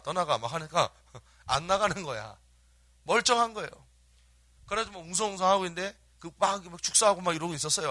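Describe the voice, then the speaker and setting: A man's voice: high-pitched, pushed and bright, no room sound. A man preaching a sermon as pastor in a church, telling stories animatedly and quizzing the congregation.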